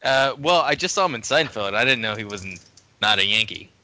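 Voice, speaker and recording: A man co-hosting a casual podcast, reading out a listener list and joking with deadpan delivery. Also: fairly low pitch, brisk, dry recording. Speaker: podcast co-host. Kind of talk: casual chat. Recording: dry, dull lo-fi audio.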